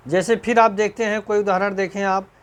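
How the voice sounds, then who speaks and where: A man teaching a recorded exam-prep grammar lecture, repeating points slowly, often clearing his throat, and checking whether students understood. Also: little pitch movement. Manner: slow, repetitive, checks understanding with rhetorical questions; voice drops low at the end of answers. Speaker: Hindi teacher.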